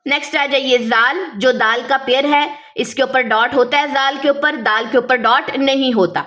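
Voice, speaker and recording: A woman with a high, bright voice teaches a beginners' class step by step. She explains each point patiently, then sounds out letters slowly and draws them long. Her tone stays clear and instructive. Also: steady tone. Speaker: Quran reading teacher. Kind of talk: step-by-step lesson.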